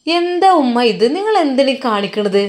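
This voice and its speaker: A woman's voice: on the high side, expressive, brisk, natural voice. A woman voicing a sulky, dismissive young bride who snaps irritably. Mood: irritated. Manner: snapping, irritated complaints.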